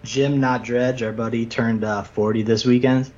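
A man hosts a podcast with loose, slangy banter and a teasing manner. His voice has an average male pitch. The recording is dull and lo-fi. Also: flat delivery, moderate pace, darkish tone. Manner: slangy, bro-heavy, teasing. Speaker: podcast host. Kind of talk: casual banter.

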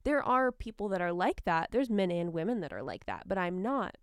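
Sultry woman with vocal fry. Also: lowish voice, big pitch swings, fairly quick, dry recording, clean studio sound. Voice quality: soft, sultry voice. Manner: frank, not bubbly. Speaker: podcast co-host. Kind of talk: casual chat.

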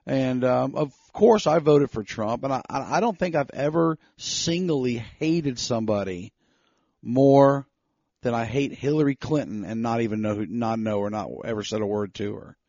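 Man, podcast co-host, animated storyteller, slightly dull dry recording. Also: mid-range voice, dry recording. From North Carolina. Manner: animated storytelling, quick bursts when heated. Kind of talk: casual chat.

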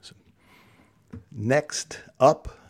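A man's voice: extremely slow, a little mellow. A man hosting a podcast, talking solo in a fired-up, preachy way that rallies listeners to say lines back with him. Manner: preachy call-and-response rallying. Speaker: podcast host.

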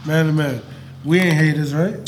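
A man's voice: a little high, fairly even intonation, moderate pace, slight background noise. A man guesting on a casual podcast, pushing the others with question after question. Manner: pushy, keeps steering and pressing with questions. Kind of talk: casual bar-table chat. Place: rented event space, indoors.

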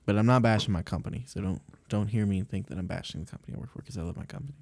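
A man's voice: fairly low pitch, rapid-fire, darkish tone. A man, co-hosting a casual chat and rambling through stories with fillers and laughs.

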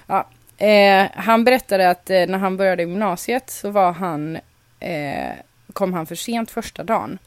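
A woman's voice: mid-range voice, clear, resonant tone, no room sound. A young woman co-hosting a podcast, telling a story in casual chat with lots of fillers, recorded remotely from home. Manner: animated storyteller, many fillers. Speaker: podcast co-host. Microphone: home mic, remote recording.

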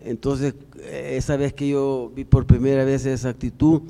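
A man's voice: mid-range voice, level tone, moderate pace, vocal fry, dark tone. A male church member sharing a hesitant testimony during a church class. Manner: hesitant, with fillers. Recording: echoey church hall.

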